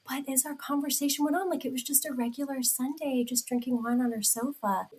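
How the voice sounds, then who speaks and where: A woman's voice: high-pitched, steady tone, fairly quick, a little mellow, rough recording. A woman in her forties, a podcast guest, telling a personal story in a heartfelt way with many restarts. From United States. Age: 40s.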